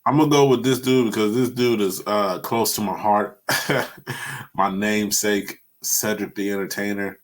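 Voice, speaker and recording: A young man hosting a podcast in casual chat, animated and laughing as he retells jokes. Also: fairly low pitch, normal speed. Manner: animated storytelling, laughs a lot, sings bits of jokes. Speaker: podcast host.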